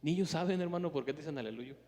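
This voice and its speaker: A man preaching a sermon as pastor, emphatic, swinging between loud urgency and hushed earnestness as he speaks straight to the congregation. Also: on the high side, very fast, in a large hall. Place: church.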